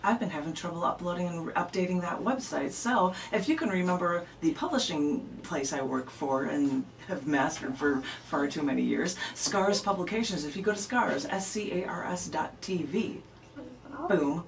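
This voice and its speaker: In a radio studio interview, a Midwestern poet tells stories emphatically and conversationally, like a live spoken-word artist. She speaks at normal speed with a fairly low pitch and vocal fry, and the distant camera mic yields poor audio with slight background noise.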